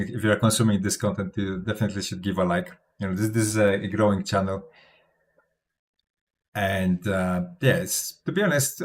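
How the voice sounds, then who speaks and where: A Polish crypto YouTuber with a Polish accent talks casually to camera, chatty and self-assured, often restarting sentences with small laughs. His voice is lowish.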